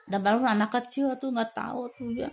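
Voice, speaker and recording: A woman, casually telling a personal ghost story with many fillers and slow, drawn-out words at tense moments. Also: fairly high pitch, steady tone, vocal fry. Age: 50s.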